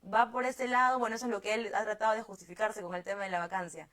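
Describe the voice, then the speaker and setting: Woman, interview host, measured, mid-pitched voice, poses questions. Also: fairly even intonation, fairly bright tone. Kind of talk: hosting a political interview.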